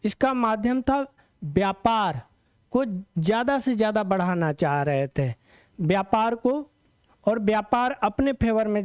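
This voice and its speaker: A man's voice: sits high, clear, resonant tone, dry recording. A man teaching an exam-prep lecture, explaining step by step, repeating key words and asking rhetorical questions.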